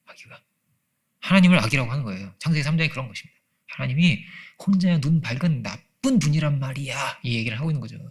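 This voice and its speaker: A man's voice: medium pitch, lively intonation, fast, breathy edge. A man pastor preaching a conversational Sunday sermon in a church, asking his listeners rhetorical questions and acting out quoted voices. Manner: acts out quoted voices, laughs often. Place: church sanctuary.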